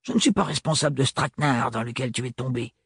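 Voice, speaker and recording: A man reading an audiobook voices a brash young woman mechanic who talks gruff and slangy, in a husky voice. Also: medium pitch, expressive, fast talker, no room sound, studio quality, heavily acted. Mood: nervous, urgent.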